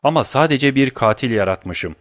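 A man's voice: mid-range voice, lively intonation, normal speed, no room sound, natural voice. A man voicing a stern, commanding nobleman disguised as a priest, reading an audiobook. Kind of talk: audiobook character voice.

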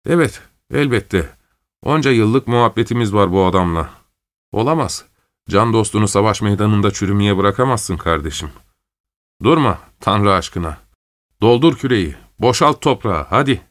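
A man's voice: fairly low pitch, expressive, moderate pace, dry recording, close to an everyday voice. A man voicing an anxious army officer who urges and pleads at a battlefield burial. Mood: urgent pleading. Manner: pleading, urgent.

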